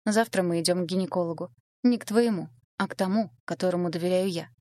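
A woman voicing a grown man who speaks calmly and firmly. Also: on the low side, fast, no room sound, lightly acted. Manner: calm and firm. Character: grown man, calm, firm, resolute. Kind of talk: audiobook dialogue reading.

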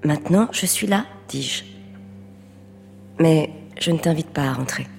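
A cool, guarded wife. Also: female voice, animated, measured pace, creaky, darkish tone, in a large hall, a little hiss or hum, full character voice. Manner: low, controlled and reserved. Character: guarded married woman, cool and self-protective. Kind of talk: stage play.

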